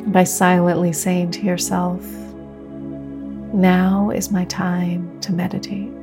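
A woman leading a guided meditation like a sleep story narrator, speaking gently and slowly with long pauses. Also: on the low side, monotone. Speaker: meditation teacher leading a group practice. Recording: new-age music under the voice. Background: soft new-age music.

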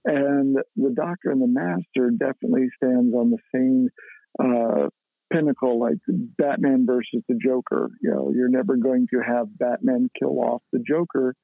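A man's voice: medium pitch, fairly even intonation, moderate pace, creaky, dry recording. A man co-hosting a casual podcast, explaining things at length in a thoughtful way with many fillers. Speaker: podcast co-host. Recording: tinny phone-like line.

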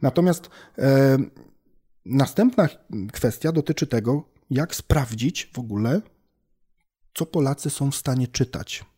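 A man, a language researcher, explaining his work in a relaxed conversation with homely examples and frequent thinking-aloud fillers. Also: medium pitch, unhurried, breathy edge. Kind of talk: casual expert conversation.

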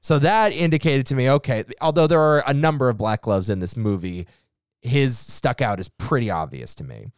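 A man co-hosting a casual film podcast, animated, joking and swearing. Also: medium pitch, normal speed, smooth, dry recording, clean studio sound. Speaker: podcast co-host.

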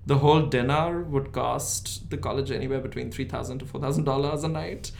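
A man's voice: medium pitch, steady tone, a little fast, creaky, darkish tone. A man from India, telling stories in an interview with a self-deprecating, laughing manner. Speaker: guest. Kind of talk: interview storytelling.

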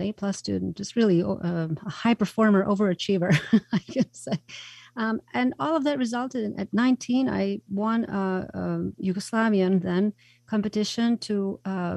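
A woman's voice: medium pitch, creaky, darkish tone, dry recording. A woman from Croatia, a radio interview guest, telling her story in an earnest, reflective way with many fillers and restarts.

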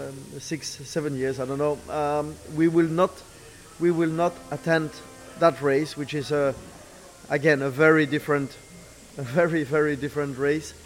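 A middle-aged man, not a native English speaker, answering interview questions haltingly, searching for words and repeating phrases. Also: a little high. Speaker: racing team boss, former driver. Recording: clear background noise, ambient sound.

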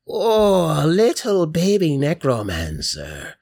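Sweet creepy old drowned grandma monster as a man puts her on, coos and gloats, kinda breathy. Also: fairly high pitch, wildly swooping pitch, slow pace, darkish tone, voice pushed up, exaggerated voice. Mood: doting. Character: doting grandmotherly drowned old woman horror.

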